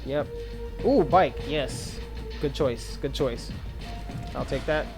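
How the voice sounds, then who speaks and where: A man's voice: mid-range voice, fairly even intonation, takes it slowly. Casual male gamer over game music. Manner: slangy, thinking aloud. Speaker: gamer, let's-play host. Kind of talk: casual gameplay commentary.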